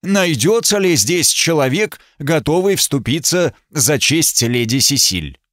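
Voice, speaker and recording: Man doing a solemn loud judge. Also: on the high side, animated, no echo, studio quality, voice pushed up. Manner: solemn, measured, raised voice. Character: stern older male judge, solemn and loud.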